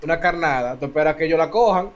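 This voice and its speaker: A man with a Dominican accent hosting a casual podcast, talking in animated, profane slang. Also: fairly high pitch, quick pace, highs cut off. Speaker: podcast host. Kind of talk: casual chat.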